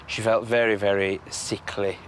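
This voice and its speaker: A man's voice: on the low side, little pitch movement, moderate pace, a bit bright, slight background noise. A man with a Yorkshire accent, a chatty and fussy tour guide talking to the camera. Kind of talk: casual chat to camera.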